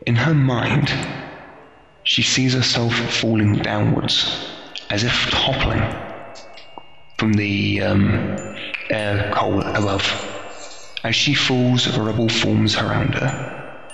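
A man's voice: lowish voice, fairly even intonation, slow, gravelly, pauses often, fairly bright tone. A man narrating a tabletop game as game master. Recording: dull, very echoey, music behind.

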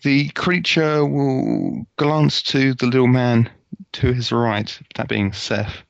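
Gravelly man playing tabletop, dull audio. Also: mid-range voice, big pitch swings, takes it slowly, dry recording. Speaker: tabletop game player. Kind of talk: casual chat and game narration.

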